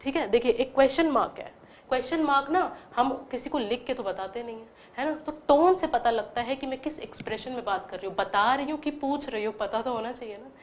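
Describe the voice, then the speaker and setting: A woman teaching an online spoken-English lesson, patiently explaining and modelling English phrases slowly with clear intonation. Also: a little high.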